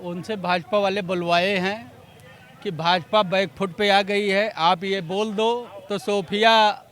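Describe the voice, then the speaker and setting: High bright-voiced man, insistent. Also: fairly even intonation, slow pace. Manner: insistent, gets loud when challenged. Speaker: debate panelist.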